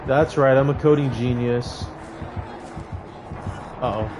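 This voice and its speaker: A man's voice: medium pitch, slow, over music. A young man streaming a game, joking with his chat and laughing between calls to his teammates. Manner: joking, talks to chat while playing, laughs often. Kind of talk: casual gaming stream chat.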